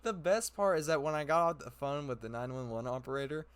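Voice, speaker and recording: A man's voice: on the high side, brisk, clean tone. A young man telling a story in a casual vlog from his room. He rambles, laughs often and fills his talk with fillers and restarts. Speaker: YouTuber. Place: his own room indoors.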